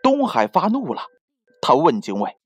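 A woman narrating a myth in scripted storybook style, expressive and swooping in her delivery. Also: sits low, moderate pace, breathy edge, highs cut off. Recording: dry close studio voice with soft music.

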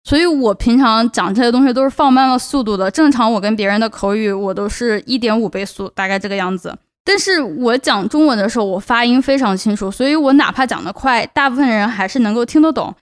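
A young woman from Chongqing, China, hosting a casual solo podcast in a fairly high voice. She talks earnestly and gives advice. She drives points home by repeating words. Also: fast, few pauses, clean tone. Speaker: podcast host.

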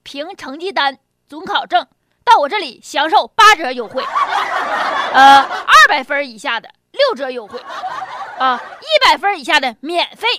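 High, animated Northeastern Chinese woman comedian. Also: moderate pace, heavy background noise. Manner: chatty, folksy, often chuckling. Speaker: comedy talk show host. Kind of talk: comic monologue with jokes and anecdotes. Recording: music behind the voice. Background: music.

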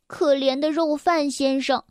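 A young woman reads a children's story aloud in a gentle, expressive way, speaking directly to the children. Her voice sits high at a measured pace, and the clean studio sound has no echo.

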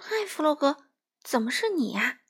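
A woman voicing an excitable young duck in a children's storybook reading, in a high, loud and squealing voice. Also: moderate pace, close to an everyday voice. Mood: surprised.

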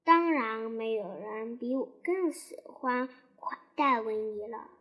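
Storybook: prim, reproachful rabbit, slow and pointed, a woman voicing him. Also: a little high, expressive, fairly bright tone, voice pushed down. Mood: smug. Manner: huffy, reproachful. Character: fussy, sharp-tongued male rabbit.

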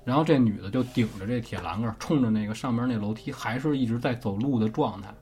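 A man's voice: mid-range voice, fast, darkish tone. A man with a Beijing accent casually telling a ghost story as host, swearing offhandedly and often checking that the listener follows.

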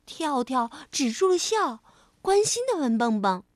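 女讲故事人, 轻柔童话朗读, 干净近距离录音. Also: female voice, sits high, sing-song, dry recording, clean studio sound. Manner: gentle, slow, soothing narration. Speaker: storyteller. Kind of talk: children's storybook reading.

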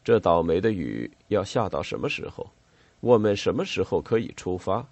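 A man's voice: low-pitched, big pitch swings, moderate pace, gravelly, a little mellow, dry recording, heavily acted. A man reading an audiobook voices a worn-out army lieutenant who speaks curtly and loses patience. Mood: weary. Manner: curt and exasperated.

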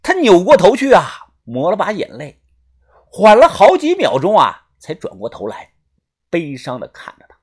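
Audiobook narrator, husky voice, very lively pitch, dramatic read. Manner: dramatic, with drawn-out particles. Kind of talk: audiobook storytelling.

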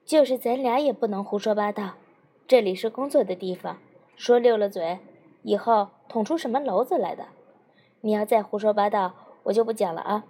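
A woman voicing a calm, firm psychologist. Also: medium pitch, normal speed, lightly acted. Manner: calm and corrective.

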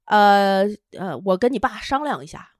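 A young woman, hosting a podcast and telling a personal story in an emotional, animated way. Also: medium pitch, moderate pace, no echo, studio quality. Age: young adult. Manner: emotional, animated retelling with quoted dialogue. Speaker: podcast host. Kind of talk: casual storytelling chat.

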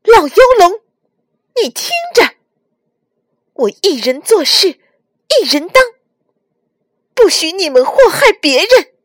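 A woman's voice: expressive, unhurried, long pauses, no echo, clean studio sound. A woman voicing a desperate young boy hero. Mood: anguished. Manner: cries out in a high, strained voice.

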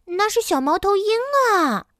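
A woman voicing a playful, curious little bear cub in a high, childlike, excited voice. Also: a little slow, no echo, studio quality, exaggerated voice.

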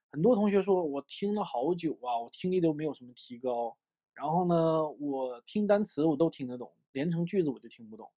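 A man from China giving an English lesson, explaining with lots of fillers and lively emphasis. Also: a little high. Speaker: English teacher. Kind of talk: online lesson.

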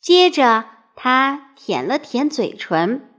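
Lively, high-voiced woman reading a storybook. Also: takes it slowly. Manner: expressive, with playful questions to the listener.

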